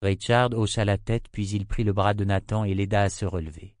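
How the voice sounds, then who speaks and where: A man narrating an audiobook in a steady, measured reading. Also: on the low side, no room sound, clean studio sound. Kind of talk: scripted narration.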